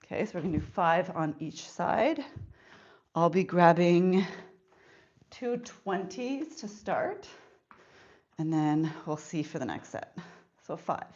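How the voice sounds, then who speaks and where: A woman fitness instructor talks through a live workout and counts each rep aloud. She speaks slowly in a lowish voice and sounds winded between sets. The stream audio is dull and lo-fi. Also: expressive, a little mellow. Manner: counts reps aloud during exercise.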